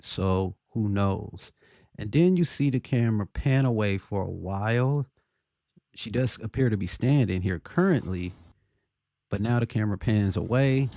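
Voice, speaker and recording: A man giving casual opinion commentary on a video, deliberately, often checking for agreement with rhetorical questions. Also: on the low side, a little mellow, dry recording, clean studio sound.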